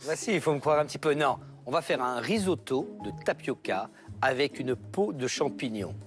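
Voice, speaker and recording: Over background music, a male chef demonstrates a recipe in an animated, medium-pitched voice at a moderate pace. He walks through each step instructively, checking in with short tags to make sure he's understood.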